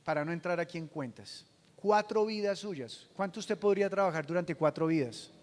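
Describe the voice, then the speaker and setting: A man preaching a sermon as pastor, asking the congregation questions and swinging from hushed to loud. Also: a little high, brisk, in a large hall. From Colombia.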